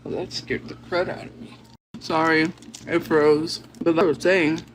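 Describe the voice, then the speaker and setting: A woman's voice: sits low, fairly even intonation, normal speed, slight background noise. A woman streamer chatting casually with her viewers and reacting to their comments. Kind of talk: casual livestream chat.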